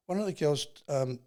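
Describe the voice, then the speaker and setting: An Englishman appears as a podcast guest, telling a personal story in an earnest, halting, reflective manner. His voice is a little high, with a darkish tone.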